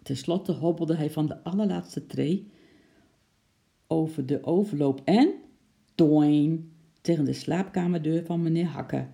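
A man reading a children's story aloud, lively and acting out the noises. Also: on the high side, measured pace, vocal fry. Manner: lively, acts out sound effects.

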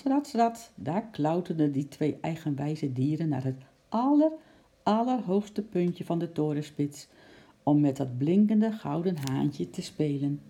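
A woman with a low, dark voice narrates a storybook chapter. Her tone is gravelly and mellow, and she reads in a calm, measured way.

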